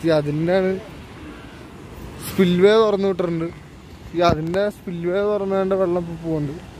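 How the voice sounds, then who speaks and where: A man in his twenties with a Kerala Malayali accent talks to viewers in a casual travel vlog style. His voice sits high for a man, and he slips English words into his Malayalam. It is recorded on a handheld phone outdoors, with plenty of ambient roadside noise. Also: steady tone, moderate pace. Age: 20s. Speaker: travel vlogger. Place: outdoors by roadsides, dam and waterfall. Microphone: handheld phone at arm's length. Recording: noisy outdoor roadside, wind and traffic.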